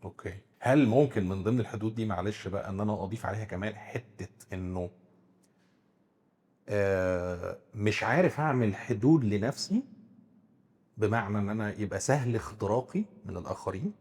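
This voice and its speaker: An Egyptian man with a lowish, husky voice asks questions and rephrases ideas, pausing on fillers. He talks quickly. A long reverb hangs around him. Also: expressive, darkish tone. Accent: Egyptian Arabic. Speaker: psychiatrist co-host. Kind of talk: discussion, asking questions and rephrasing.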